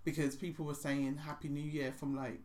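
A woman's voice: deep voice, flat delivery, brisk, a little mellow. A woman co-hosting a podcast, talking earnestly and reflectively, sometimes laughing nervously. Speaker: podcast co-host. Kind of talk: casual chat.

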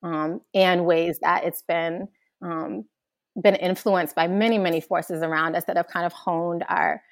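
Young woman guest, earnest and reflective, slightly low voice, dry close mic. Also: unhurried, no echo. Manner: earnest, flowing, animated when recounting childhood. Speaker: guest, organizer. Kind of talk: reflective interview answer.

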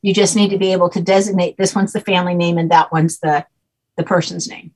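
A woman's low, slightly mellow voice with a breathy edge moves at a quick pace with fairly even intonation. She's a guest teaching a name system, explaining at length and patiently checking in with repeated "okay?"s.

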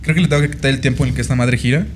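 A man's voice: mid-range voice, steady tone, rapid-fire, slight background noise. A young man with a Mexican Spanish accent hosting a drinking game in casual chat, joking and laughing often.

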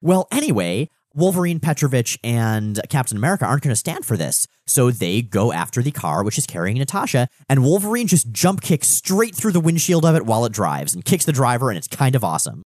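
Lively, playful man recapping comics. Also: medium pitch, brisk, few pauses, no room sound, clean studio sound. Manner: enthusiastic, playful storytelling. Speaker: podcast co-host. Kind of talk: casual chat recapping comics.

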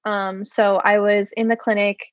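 A young woman in her early twenties, a physical therapy student, telling her story in a casual interview with animated quoted voices, fillers and laughs. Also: unhurried, dry recording. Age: early 20s. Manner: animated storytelling, acts out quotes with excited high pitch. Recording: dull lo-fi dry sound.

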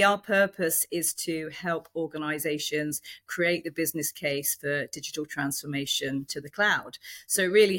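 A woman speaks as a podcast guest, explaining business matters in a conversational way. Her voice is low for a woman, with a bright, forceful edge. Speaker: podcast guest, department head at a tech company.

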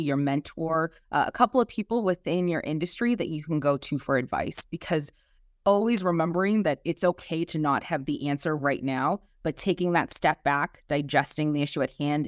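A woman's voice: low voice, dry recording, clean studio sound. A woman with a Boston accent answering as an interview guest, conversational and emphatic, often ending her points with a questioning tag. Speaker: interview guest, human resources executive.

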